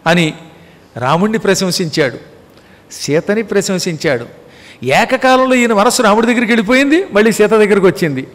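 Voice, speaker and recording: A man's voice: sits high, big-room sound. A man giving a religious discourse, explaining points with repetition, rhetorical questions and acted-out quotes. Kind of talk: Telugu Ramayana discourse.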